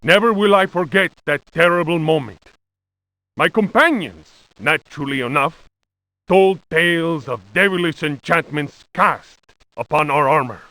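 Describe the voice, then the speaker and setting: A Spanish lieutenant solemnly recounting horrors for a video game. The delivery is slow and theatrical, badly overacted, with sweeping rises and falls in pitch. The recording is close and dry. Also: male voice, animated, sharp tone, dry recording, exaggerated voice, rough recording. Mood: grave, melodramatic. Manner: hammy, overwrought bad acting. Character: Spanish lieutenant recounting a horrifying expedition, pompous and melodramatic. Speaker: narrator reading old books in a video game. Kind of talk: theatrical scripted narration of a horror journal.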